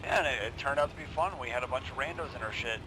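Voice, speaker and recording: Man, rapid speech, blunt, profane, casual gaming chat, loud engine background. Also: medium pitch. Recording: voice over loud vehicle engine noise. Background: loud tank engine.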